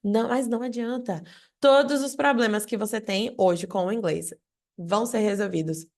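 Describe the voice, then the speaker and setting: Creaky-voiced woman teaching a lesson. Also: medium pitch, moderate pace. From Brazil. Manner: explains directly to viewer, lively questions. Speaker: English teacher. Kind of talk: online language lesson.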